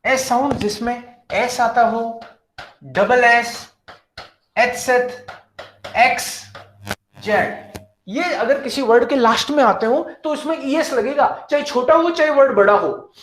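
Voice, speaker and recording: A man teaching grammar to a class, slow and patient, spelling out each example and mixing in English terms. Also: very high voice, a bit bright, reverberant, slight background noise. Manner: mixes English terms into his talk. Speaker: German teacher.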